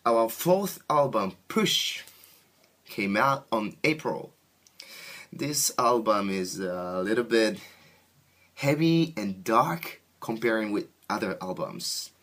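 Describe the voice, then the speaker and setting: This band musician from Japan speaks with a Japanese accent, giving interview answers in plain, hesitant second-language phrasing. His pitch is fairly low, his delivery animated, and his tone fairly bright.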